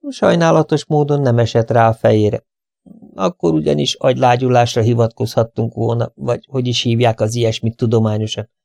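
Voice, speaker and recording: A man's voice: mid-range voice, steady tone, gravelly, warm tone, dry recording, natural voice. A man reading an audiobook, playing a breezy, flippant young man with a light, offhand manner.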